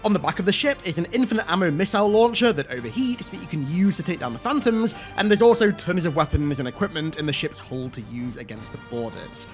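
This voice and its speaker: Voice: medium pitch, animated, fast talker, hardly any pauses, faint music behind. An enthusiastic video host giving scripted game commentary in an emphatic, hyperbolic way.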